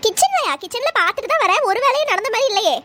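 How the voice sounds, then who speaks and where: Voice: very high voice, very animated, very fast, pushed and bright, heavily acted. A young performer voicing a nagging, nosy old mother-in-law in a comedy sketch, speaking with a Thoothukudi Tamil accent and exclaiming shrilly. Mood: scolding.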